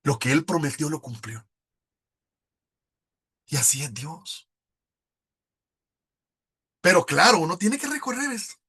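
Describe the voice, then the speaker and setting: A man's voice: on the high side, huge pitch swings, unhurried, long pauses, pushed and bright, breathy edge. A middle-aged man, telling his personal faith testimony with emotion and acting out past conversations. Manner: emotional storytelling, acts out past dialogue. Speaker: testimony speaker at a prayer group.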